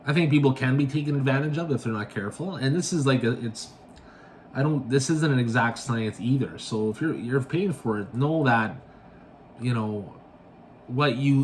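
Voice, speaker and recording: Guy podcasting, casual rambly talk, keeps tacking on "right?", ordinary middle pitch. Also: slight background noise. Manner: rambling, self-correcting, tags sentences with "right?". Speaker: podcast host.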